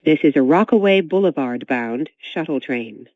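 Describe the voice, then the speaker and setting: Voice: medium pitch, animated, no echo. Train speaker announcement after a chime. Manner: measured, evenly paced announcing. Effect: onboard train loudspeaker announcement after a chime. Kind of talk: recorded transit announcements. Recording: tinny, dry speaker sound.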